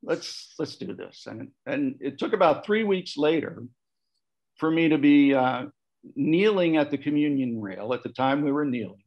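A man's voice: on the high side, lively intonation, moderate pace. A man on a discussion panel telling a personal story in a reflective way, shifting his voice when he quotes other people. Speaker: panel guest sharing memories. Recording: muffled lo-fi audio.

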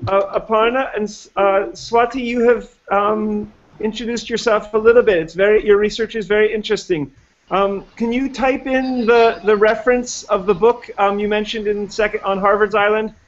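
Hesitant male course host, high voice, muffled online-call audio. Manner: hesitant, many fillers and restarts. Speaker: course instructor. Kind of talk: online class introductions. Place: video call.

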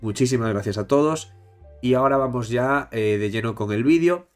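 Spanish guy w/ spain accent doing casual youtube card news, stuffy nose from a cold, stops for breath, bit of music behind. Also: medium pitch. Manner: pauses to catch breath. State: congested with a bad cold, blocked nose. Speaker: YouTube host.

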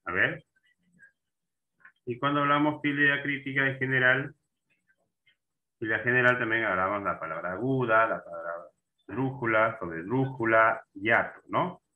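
A man's voice: medium pitch, normal speed, long pauses. A man teaching an online class, often checking in with students and asking questions as he goes. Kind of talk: online class on Spanish accent marks. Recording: tinny phone-like online call audio.

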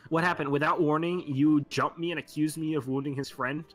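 A man's voice: fairly high pitch, fairly even intonation, a little fast, soft background music. A man casually chatting with friends while playing a strategy game, narrating his own in-game events aloud. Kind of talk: casual gaming chat.

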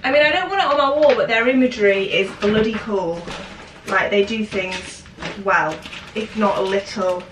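In a casual vlog, a congested British woman in her twenties who does fashion content speaks at normal speed in a mid-range voice, upbeat and musing aloud as she sorts shopping and a parcel indoors. The distant camera mic picks up heavy kitchen echo and loud noise.

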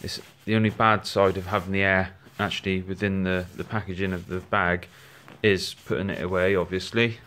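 A gear reviewer films a relaxed, chatty tour of his outdoor equipment on a handheld phone at home indoors. His low voice moves at a normal speed with few pauses, he restarts sentences often, and there's slight background noise.

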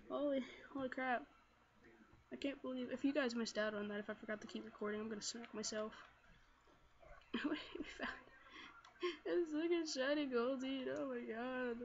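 A woman hosting a gaming video, excitably commenting on her battles and shouting commands at her team. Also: high-pitched. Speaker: gaming channel host. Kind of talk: Let's Play commentary. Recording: dull lo-fi mic with faint noise.

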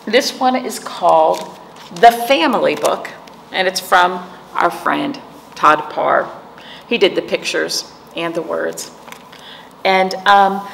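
A middle-aged woman with a medium-pitched, slightly bright voice hosts storytime as a children's librarian, reading aloud and talking with young listeners in simple phrases and questions. She sits in an indoor library room in front of a patterned wall. The room echoes, and background noise is clearly audible.

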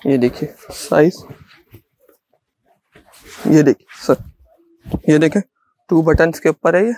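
A man's voice: on the high side, slow, a little mellow. Man with a Pakistani Urdu accent, selling coats. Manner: repetitive, insistent salesman patter. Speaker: shopkeeper. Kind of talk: sales pitch to a vlogger. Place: small indoor clothing shop.

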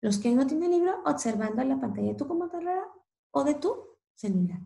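A woman teaching English to Spanish speakers, reading a picture book aloud slowly and expressively and translating each line. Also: sits high, gravelly, roomy sound, poor audio. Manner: slow, exaggerated, expressive reading with Spanish explanations.

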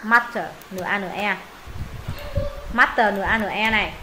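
A woman's voice: mid-range voice, fairly quick, pushed and bright, a little hiss or hum, low-quality recording. A woman teaching English pronunciation in Vietnamese, modelling words, repeating them for students and thinking aloud when unsure.

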